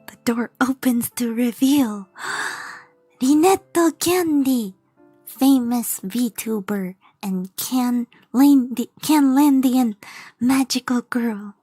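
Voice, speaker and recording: A woman's voice: on the high side, slow, mellow, breathy edge, no room sound, faint music behind. A woman VTuber reading comedic fan fiction aloud, stumbling over lines and correcting herself. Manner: stumbling, self-correcting, laughing reader.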